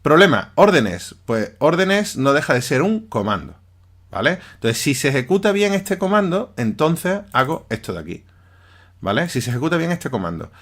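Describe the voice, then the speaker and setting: A man's voice: on the high side, big pitch swings, moderate pace, fairly bright tone. A man giving a recorded programming lesson over his screen, talking conversationally and often checking in with his listeners. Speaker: teacher.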